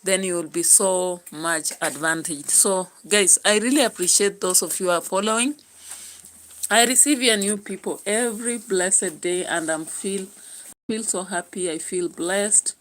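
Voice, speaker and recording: A woman's voice: mid-range voice, measured pace, fairly bright tone, slight background noise. A Kenyan woman hosting a YouTube channel, giving chatty political commentary and musing aloud with frequent fillers. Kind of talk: casual political commentary vlog.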